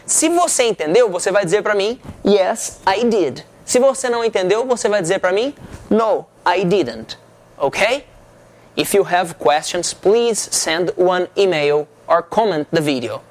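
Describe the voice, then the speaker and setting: A man teaching an English lesson, who repeats each example slowly and translates it. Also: high voice, animated. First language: Portuguese. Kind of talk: language lesson to camera.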